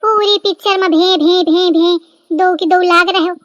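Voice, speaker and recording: एक महिला द्वारा कानपुरी लहजे वाली तीखी देहाती बहू. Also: female voice, extremely high pitch, steady tone, a little slow, no echo, muffled recording. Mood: irritated. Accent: Kanpuri rural Hindi. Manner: scolding, blunt village banter. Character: grumbling rustic daughter-in-law, sharp-tongued, middle-aged. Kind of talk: animated cartoon comedy voicing.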